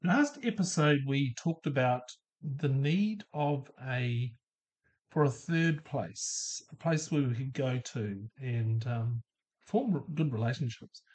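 A man's voice: medium pitch, slow, a little mellow, breathy edge. A middle-aged man hosting a solo podcast, talking through ideas thoughtfully and asking the listener questions. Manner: thoughtful, asks questions, light laughs. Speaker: podcast host. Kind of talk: reflective solo monologue.

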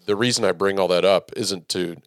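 Deep, smooth, measured male host. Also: no room sound, clean studio sound. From Texas. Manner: measured, even, calls his own voice monotone. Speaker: podcast host, theater educator. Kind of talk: casual interview.

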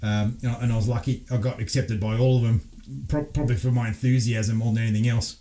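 An Australian man tells stories as a podcast guest, lively and quick to laugh, often restarting his sentences mid-thought. His voice sits at an ordinary middle pitch for a man, and he speaks like a former fighter pilot looking back on his early years. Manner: animated storyteller, laughs often, frequent restarts. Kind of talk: casual storytelling interview.

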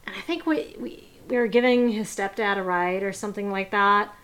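A woman's voice: mid-range voice, normal speed, fairly bright tone. A young adult woman casually recounting personal stories as a podcast host, with frequent fillers and little laughs. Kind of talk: personal storytelling.

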